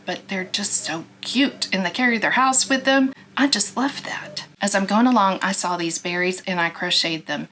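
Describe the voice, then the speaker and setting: A woman's voice: mid-range voice, a bit bright. A woman giving a casual craft show-and-tell, chatty and playful with folksy asides. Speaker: craft vlogger presenting finished makes.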